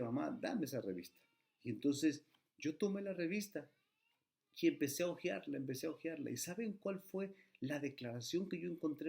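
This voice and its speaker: A man's voice: medium pitch, creaky, dark tone. Earnest preaching man. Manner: earnest preacher, rising emphatic phrases, tag questions. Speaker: church elder trainer. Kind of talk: sermon-style training talk.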